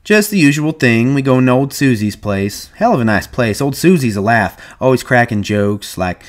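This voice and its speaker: A man's voice: mid-range voice, lively intonation, normal speed, voice pushed up, lightly acted. A man reading aloud and playing a chatty young ranch hand who talks in an eager, gossipy drawl. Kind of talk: audiobook reading.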